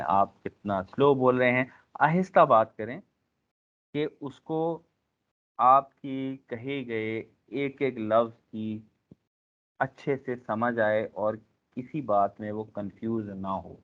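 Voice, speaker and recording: A man teaching a class in a lecture style, pausing often with fillers and speaking directly to his trainees. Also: lowish voice. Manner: frequent filler pauses, addresses class directly. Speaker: instructor. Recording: tinny phone-like lecture recording.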